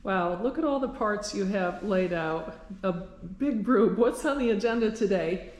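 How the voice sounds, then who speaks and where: A woman's voice: mid-range voice, expressive, measured pace, darkish tone. A woman hosting a conversational how-to interview, asking questions and restating technical details. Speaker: interviewer of the woodworker. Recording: echoey workshop, background noise.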